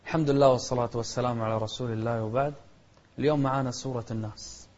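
A man teaching Quran recitation rules, switching between quick explanations and slow, chanted example verses. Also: mid-range voice, fairly even intonation, darkish tone. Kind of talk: tajweed lesson with recited examples. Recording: dull lo-fi recording.

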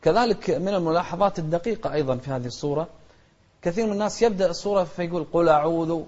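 A man teaching Quran recitation rules, switching between quick explanations and slow, chanted example verses. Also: a little high, darkish tone. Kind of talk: tajweed lesson with recited examples. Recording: dull lo-fi recording.

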